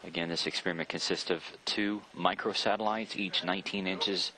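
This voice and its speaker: A man giving live spaceflight commentary from mission control in a measured, informative, matter-of-fact manner. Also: low voice, steady tone, bright, forceful tone, low-quality recording. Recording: faint background noise on broadcast feed.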